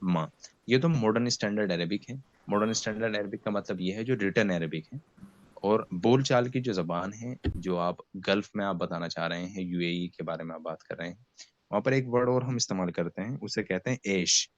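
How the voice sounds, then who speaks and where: A man teaching beginners Arabic in an online class, speaking with an Indian accent and patiently having students repeat words after him while fasting with a headache. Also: lowish voice, dry recording. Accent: Indian Hindi-Urdu. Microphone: video call. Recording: dull lo-fi video call audio.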